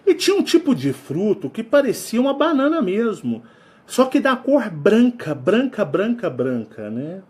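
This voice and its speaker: A man's voice: high voice, sing-song, unhurried, darkish tone, breathy edge. A Brazilian man hosting a channel, telling a story in a casual, rambling way and ending nearly every phrase with a tag question. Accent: Brazilian Portuguese. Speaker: channel host.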